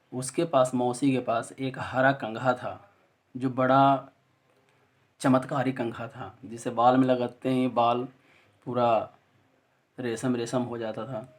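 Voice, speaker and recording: A man teaching an exam-prep lesson, telling a memory story and drilling each syllable slowly. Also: medium pitch, darkish tone.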